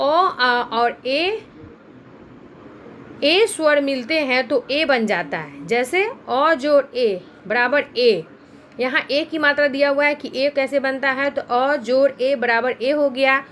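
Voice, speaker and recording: Woman teacher w/ bihari hindi accent, high voice, asks then answers herself, bit of faint noise behind. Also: lively intonation, slow pace, a bit bright. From India. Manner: patient step-by-step explaining, asks and answers own questions. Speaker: school teacher. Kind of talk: recorded Hindi grammar lesson.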